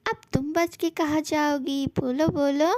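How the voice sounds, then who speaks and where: A devoted young husband, voiced by a woman in a homemade fan audio drama. The voice sits high for a man and sounds dry and close to the mic. He pleads softly and then turns to playful, mock-angry threats. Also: steady tone, a little slow, no echo.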